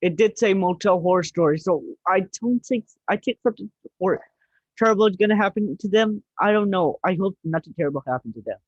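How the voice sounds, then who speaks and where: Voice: mid-range voice, fairly quick, no echo, lo-fi sound. A host reacting to a horror story in casual, chatty commentary, often exclaiming.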